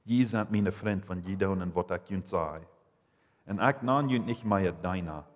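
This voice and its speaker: A man reading Bible passages and commenting, halting and restarting as he goes. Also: deep voice. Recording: long reverb, hall.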